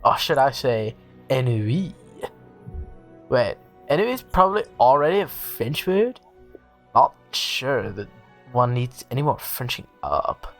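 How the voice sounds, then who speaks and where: Bubbly Valley Girl teen girl, sing-song drawn-out calls, wildly swooping pitch, unhurried, as a man puts her on. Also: big pitch swings, soft background music. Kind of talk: reading a webcomic aloud in character.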